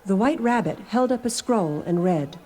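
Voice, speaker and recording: A woman's voice: medium pitch, lively intonation, normal speed, warm tone. A woman reading scripted storybook narration on an album. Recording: noisy album recording.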